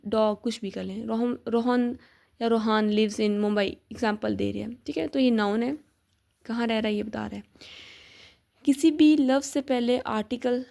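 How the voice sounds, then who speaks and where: Gravelly young woman explaining grammar. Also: a little high, darkish tone. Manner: patient, repeats examples, spells words out slowly. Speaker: teacher sharing study notes. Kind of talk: casual explanatory lesson.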